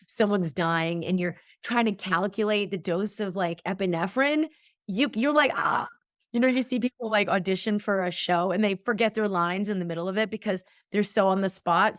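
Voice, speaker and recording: A middle-aged woman with a fairly low voice speaks as an interview guest, telling stories in an earnest, flowing way. The recording is dry and close. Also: no echo. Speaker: guest, physician. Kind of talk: conversational interview.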